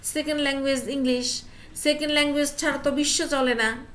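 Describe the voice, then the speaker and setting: A woman's voice: high-pitched, fairly even intonation, quick pace, fairly bright tone. A woman teacher leading an online class, coaxing her students with questions and mixing English phrases into her talk.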